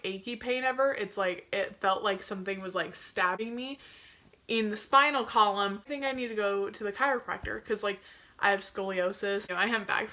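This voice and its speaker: A woman's voice: mid-range voice, sharp tone. A young woman telling a casual, gossipy storytime in a chatty, self-mocking way, peppered with "like". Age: young adult. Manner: chatty and gossipy, with heavy filler "like"; self-mocking, jokey delivery. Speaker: video creator telling her own story.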